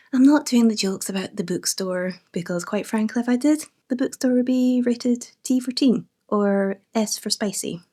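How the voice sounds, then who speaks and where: A young adult woman with a medium-pitched, slightly mellow voice chats casually and enthusiastically about books she's read. She's a book vlogger doing a laid-back review, chatty and full of fillers.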